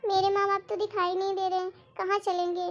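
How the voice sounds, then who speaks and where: A woman's voice: extremely high pitch, little pitch movement, fairly quick, highs cut off. A woman voicing an anxious, helpless young married daughter in a family drama story, talking emotionally and pleadingly. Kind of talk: storytelling role-play.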